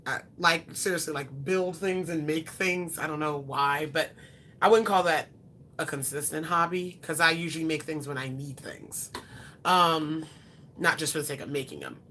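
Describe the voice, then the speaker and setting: Answering viewer questions on the fly, a twenty-something beauty vlogger talks in a chatty, slightly rambling way, filling gaps with ums and correcting herself. Her low voice is bright and forward and moves at a moderate pace, with a little hiss or hum in the audio.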